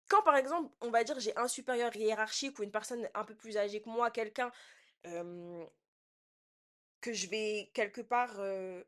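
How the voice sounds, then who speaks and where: Young woman, high-ish voice, casual slangy storyteller, quiet to loud swings. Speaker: podcast host.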